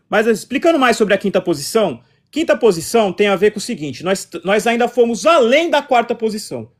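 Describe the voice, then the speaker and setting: Casting: high-voiced Brazilian man, rapid-fire, combative live host. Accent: Brazilian Portuguese. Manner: combative, repetitive, answers chat comments. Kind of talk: casual political live stream chat.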